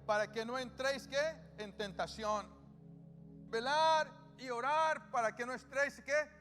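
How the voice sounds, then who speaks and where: In a reverberant church hall with music, a male pastor preaches a little slowly in a very high-pitched, fairly bright voice with a Salvadoran Spanish accent. He often asks his congregation questions that he then answers himself.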